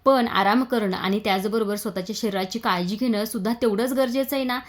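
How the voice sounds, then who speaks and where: A woman's voice: mid-range voice, fairly quick, close to an everyday voice. A woman voicing a fussy older man who scolds out of care, in a retold family serial. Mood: scolding. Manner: scolding, caring. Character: fussy older father figure.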